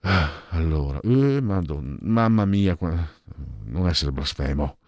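Man, rattling off poll percentages, dry sound, low voice, wry asides. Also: lively intonation, a little mellow, dry recording. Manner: reads numbers in a brisk run with wry side remarks. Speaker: commentator reading out opinion polls. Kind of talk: casual reading of poll figures with asides.

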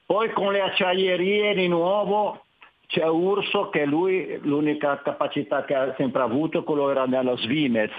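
A man's voice: a little high, fairly even intonation, measured pace. A man calling in to a radio talk show over the phone, talking hesitantly and stumbling over his words. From Genoa, Italy. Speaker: caller. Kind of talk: radio call-in. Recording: tinny phone line.

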